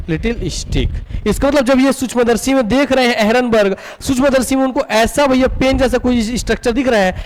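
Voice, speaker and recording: A man's voice: high voice, slight background noise. A male teacher with a Chhattisgarh Hindi accent giving a classroom lecture, asking questions over and over and answering them himself. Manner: drills students with repeated questions and answers. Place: coaching classroom.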